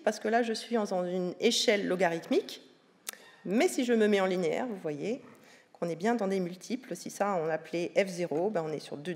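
A woman giving a public science lecture on the voice, explaining patiently with many hesitations. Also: mid-range voice. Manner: explanatory, with frequent hesitations and fillers. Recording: reverberant lecture hall.

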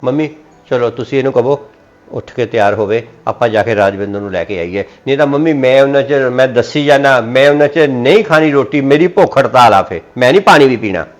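A man's voice: medium pitch, a little fast. A man in a Punjabi family comedy sketch, complaining in a sulky way.

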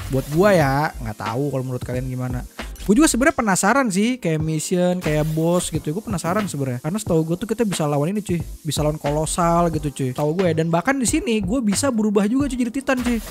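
A young man from Indonesia, giving casual gameplay commentary and breaking into loud yelps as he plays. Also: on the high side. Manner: excitable, slangy, bursts into loud yelps during play. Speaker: gaming YouTuber.

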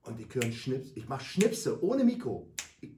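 A middle-aged man, an anti-bullying speaker telling his school stories loudly and dramatically in a radio talk. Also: mid-range voice, big pitch swings, moderate pace, slight background noise. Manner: loud, dramatic, acts out scenes for listeners. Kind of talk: emphatic storytelling in a radio talk.

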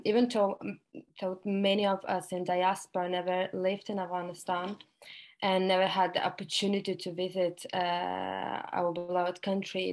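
A young woman speaking at an online panel, hoarse from a cold, with many fillers and restarts. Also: lowish voice, rough recording. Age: young adult. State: hoarse from illness.

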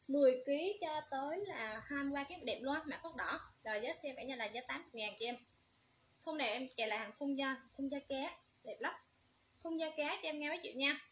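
The speaker is a woman selling on a livestream, her high voice moving quickly through a steady patter of repeated codes and prices. Loud noise and packaging crinkles can be heard in the background.

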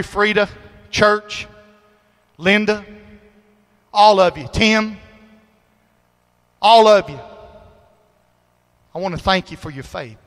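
Preacher guy, pretty high voice, folksy storytelling, big echoey church hall. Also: fairly bright tone. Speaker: pastor. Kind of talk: sermon. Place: church sanctuary. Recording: long hall reverb.

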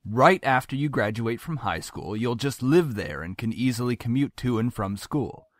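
A man's voice: medium pitch, expressive, moderate pace, no echo, studio quality, natural voice. An actor voicing a stern, controlling middle-aged father who talks coldly and commandingly. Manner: cold, commanding, explodes in anger.

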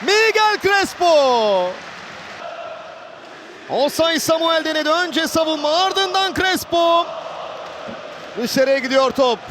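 A man giving live football play-by-play in an excitable way, with clipped phrases and drawn-out names. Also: very high-pitched. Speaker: football match commentator. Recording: roaring stadium crowd noise behind voice. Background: stadium crowd ambience.

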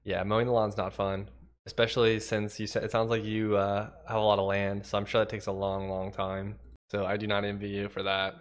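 This young man from Washington state codes on a livestream, chatting casually, thinking aloud, and reading messages from his chat. His voice is lowish, clean, and slightly nasal and congested, with a cough. His delivery is brisk and completely flat.

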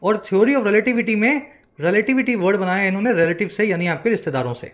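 High-voiced energetic male tutor. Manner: energetic teacher, explains words slowly, reads English aloud slowly. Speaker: English tutor. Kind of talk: classroom lecture explaining a newspaper article.

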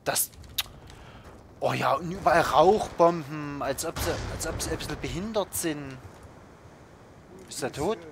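A young man hosting his own gaming video, giving excited play-by-play of a shooter match and yelping at every hit. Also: a little high, a little slow, creaky, pauses often. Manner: yelps and groans at the game, shouting in bursts. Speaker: gaming channel host. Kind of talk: excited Call of Duty commentary. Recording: loud background game noise.

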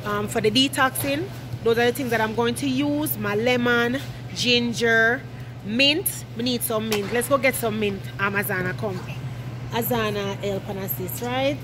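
A woman's voice: a little high, normal speed. A young woman with a Jamaican accent chatting to viewers as she walks through a large supermarket, filming on a phone at arm's length, laughing often. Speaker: vlogger. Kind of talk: casual vlog chat. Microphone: phone held at arm's length. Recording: loud store background noise.

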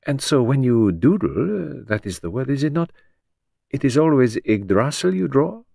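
A man voicing a fastidious middle-aged male detective, precise and probing, in an audiobook. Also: mid-range voice, big pitch swings, gravelly, dark tone, breathy edge, no echo, clean studio sound, pitched above the performer's own voice, heavily acted. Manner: precise, probing, coolly insistent. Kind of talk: audiobook character voice.

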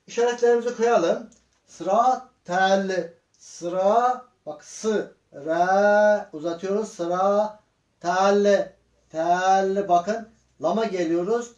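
A male teacher leads a Quran reading lesson at a very slow pace, breaking words into single syllables. He repeats each sound patiently and asks his students questions. His voice rings in an echoey room. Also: high voice, darkish tone.

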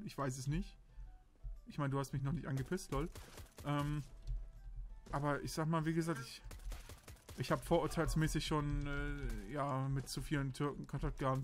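A young man from Berlin giving rambling, crude, casual commentary while playing a shooter game. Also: medium pitch. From Berlin, Germany. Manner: rambling, crude, self-justifying chatter. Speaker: let's play commentator.

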